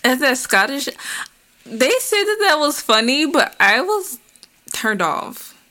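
A woman's voice: high voice, big pitch swings, takes it slowly, sharp tone. A young woman co-hosting a casual podcast chat, giving brief, dry replies. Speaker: podcast co-host.

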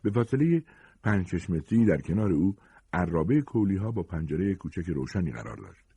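A man reading a short story aloud with expressive, dramatic narration. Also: low-pitched, breathy edge.

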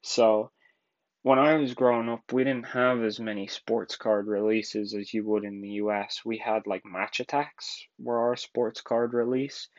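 Irish guy in his twenties, lowish voice, rambling casual podcast host, muffled lo-fi home recording. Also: fairly even intonation, a little slow. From Ireland. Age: 20s. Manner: rambling, casual, laughs often. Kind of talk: solo podcast monologue.

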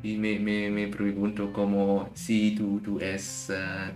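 Woman, very low voice, slow, hesitant learner, faint guitar behind. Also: completely flat delivery, darkish tone, roomy sound. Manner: curious, hesitant, searching for words. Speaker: language learner. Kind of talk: casual chat, asking questions.

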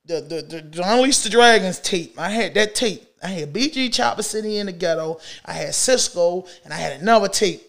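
Middle-aged guy telling a story, kinda high voice, slangy, animated, goes loud then mumbles. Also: normal speed, creaky, few pauses. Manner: animated, slangy, swings between loud bursts and low mutters. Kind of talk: casual storytime.

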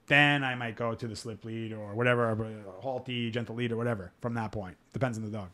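A man's voice: medium pitch, steady tone, fairly quick, pushed and bright. A man hosting a live dog-training Q&A podcast, talking frankly in a rambling, self-interrupting way. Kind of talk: casual live Q&A chat.

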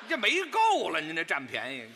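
A man's voice: on the high side, wildly swooping pitch, fairly quick, background noise. A man who plays the straight man in a crosstalk comedy routine. He answers mostly in short interjections, with some mock-indignant retorts.

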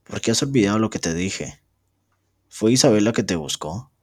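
A young man reading aloud as a proud young lady of the house who gives sharp commands. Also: fairly low pitch, expressive, normal speed, slightly rough. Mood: commanding. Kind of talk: amateur reading of a novel.

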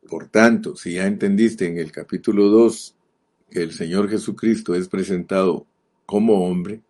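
His sermon is earnest and forceful: the middle-aged Guatemalan preacher, speaking with a Guatemalan Spanish accent, often slows down and repeats a key word to hammer a point home. His voice is very low, dark, and mellow.

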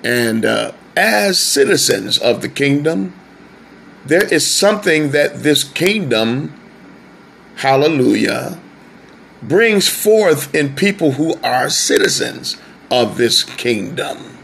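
A male preacher delivers a sermon at an unhurried, measured pace, stretching out key words and lifting his pitch for emphasis. His voice has a gravelly edge, and a faint hiss of background noise sits under the recording. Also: animated, a bit bright.

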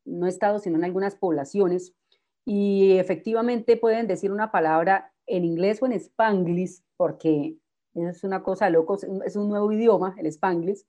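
A woman, a teacher invited as a guest, patiently explaining spelling rules with examples in a relaxed talk. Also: medium pitch, normal speed.

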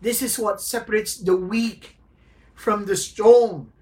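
A woman preaching as a pastor, taking her time over each phrase. She speaks at a mid pitch and leans on repetition to press home her points. Her delivery is measured and deliberate throughout. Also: a little mellow. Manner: deliberate preaching, repeats key phrases for emphasis. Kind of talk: sermon.

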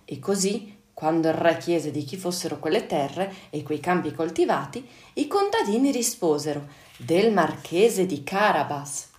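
A woman teacher reading a children's fairy tale on radio, clear and unhurried. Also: fairly low pitch, sing-song, darkish tone. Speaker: storyteller, teacher. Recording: echoey room.

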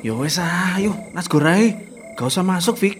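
A man's voice: high-pitched, lively intonation, background noise. An actor playing a cautious young man, reluctant and nervous, in a radio drama. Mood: uneasy. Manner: nervous, reluctant, fast comebacks.

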